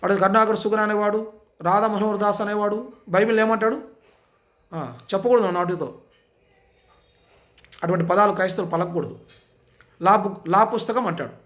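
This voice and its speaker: A man's voice: sits high, normal speed, long pauses, fairly bright tone. A man preaching a sermon with insistent, repetitive rhetorical questions. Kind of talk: impassioned sermon.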